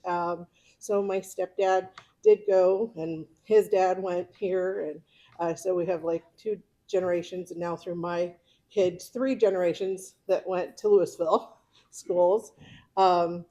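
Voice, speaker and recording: A middle-aged woman from California, United States, with an American accent, gives an informal autobiographical talk to her club as a member, chuckling often. Her lowish voice is mellow, fairly even in intonation and a little slow.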